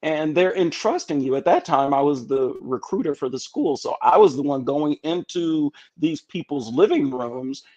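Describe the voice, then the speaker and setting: A man's voice: fairly high pitch, animated, moderate pace, few pauses, a little mellow, dull audio. A man in his fifties, an educator and assistant pastor, telling stories in a casual interview with many restarts and fillers.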